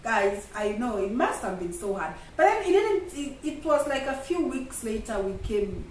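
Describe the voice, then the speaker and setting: A woman's voice: a little high, big pitch swings, moderate pace. A woman from Kenya with a Kenyan accent, hosting a casual sit-down vlog chat and speaking conversationally to viewers. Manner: conversational, addresses viewers as "guys". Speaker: vlog host. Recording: echoey room, distant mic, faint noise.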